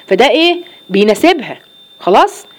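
A woman's voice: on the high side, big pitch swings, a little fast. A woman with an Egyptian accent giving an earnest religious lesson to women, often asking rhetorical questions. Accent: Egyptian Arabic. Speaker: religious teacher.

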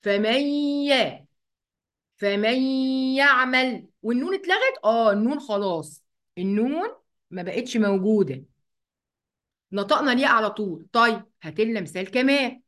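A woman with an Egyptian accent teaching an online Quran recitation lesson. She explains each rule step by step, asks the class questions, and draws the recited words out slowly. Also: fairly high pitch, sing-song. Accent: Egyptian Arabic. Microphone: computer mic, writing with a mouse.

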